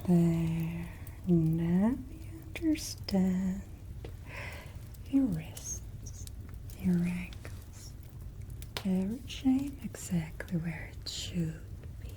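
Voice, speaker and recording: A woman playing a menacing, aristocratic vampire lady in a whispered ASMR roleplay, haughty, breathy and softly threatening. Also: lowish voice, extremely slow, pauses often, a little hiss or hum, rough recording. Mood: cold menace. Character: menacing aristocratic vampire lady, vengeful captor, cold and imperious.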